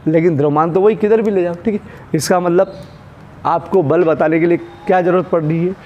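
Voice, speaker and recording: A man's voice: high-pitched, fairly even intonation, a little fast, highs cut off, slight background noise. A male physics teacher giving a classroom lecture. He keeps asking his students questions and answering them himself. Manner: calls students "beta" and "bhaiya", handles props while explaining.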